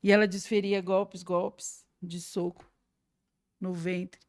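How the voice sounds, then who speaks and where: A woman with a Brazilian Portuguese accent, a guest sharing an emotional personal testimony with vivid storytelling, swinging between hushed and loud. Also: lowish voice, little pitch movement, slow, no echo, studio quality.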